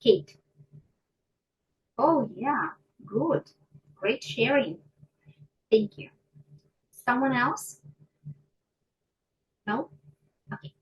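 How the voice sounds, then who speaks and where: A woman teaching English pronunciation to a class, slow and deliberate, often checking in with her students. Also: on the high side, expressive, husky, low-quality recording. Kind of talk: online micro lesson.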